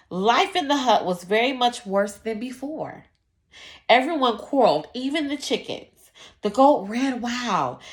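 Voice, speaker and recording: A teacher reads a children's story aloud in a slightly high voice, narrating expressively and adding deliberate explanatory asides for her listeners.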